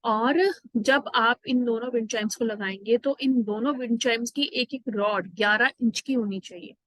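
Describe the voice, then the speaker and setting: A woman's voice: fairly high pitch, moderate pace, fairly bright tone, no room sound, poor audio. A middle-aged woman, an astrologer explaining home remedies in numbered steps, slipping in English phrases. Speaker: astrologer and numerologist giving vastu tips. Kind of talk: instructional talk to camera.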